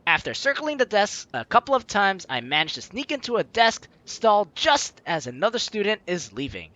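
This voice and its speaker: A young adult let's player hosts a story game series, commenting with bright, forceful energy at a moderate pace. His pitch swings widely as he chats playfully and reads dialogue aloud dramatically. Music plays behind him, and there is no room sound.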